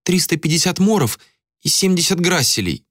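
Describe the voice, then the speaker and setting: A man's voice: a little high, sing-song, moderate pace, fairly bright tone, no echo, clean studio sound, voice pushed up. A man voicing a desperate young woman who pleads frantically, in an audiobook. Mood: bargaining.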